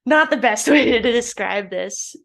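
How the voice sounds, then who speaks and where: A woman co-hosting a casual podcast, chatting and reading a scripture passage aloud in an even storytelling tone. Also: on the high side, a little slow, creaky. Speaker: podcast co-host.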